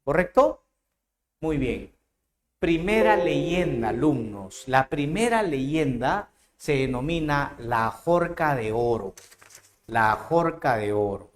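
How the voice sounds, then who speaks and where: Slow, theatrical male teacher in an echoey room. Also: a little high, expressive, a crowd in the background. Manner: theatrical, with rhetorical questions to the student. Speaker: literature teacher. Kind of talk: dramatized storytelling lesson.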